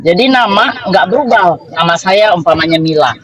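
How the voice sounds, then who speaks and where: A woman's voice: on the low side, expressive, moderate pace, fairly bright tone, low-quality recording. A woman joining an online debate, explaining emphatically. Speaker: debate participant. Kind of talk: debate argument.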